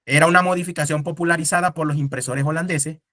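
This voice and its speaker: Man, teacher, casual classroom lecture, rhetorical questions, fairly high voice, dry close sound. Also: steady tone, fast talker, sharp tone, no room sound.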